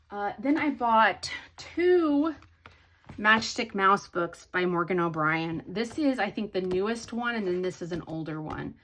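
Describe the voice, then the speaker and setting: A woman's voice: lowish voice, fairly bright tone. Chatty woman showing off a haul. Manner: chatty, rambling, many ums and restarts. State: sleepy, yawning. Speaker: hobby vlogger. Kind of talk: casual haul video chat.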